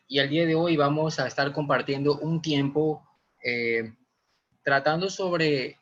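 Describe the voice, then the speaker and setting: A man's voice: on the high side, unhurried, a bit bright. A young man from Ecuador with a Guayaquil accent, giving a live webinar lesson and explaining step by step with frequent "eh" fillers. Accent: Ecuadorian Spanish, Guayaquil. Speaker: automation instructor. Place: small room indoors. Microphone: webcam or laptop mic on video call. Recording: muffled video-call audio.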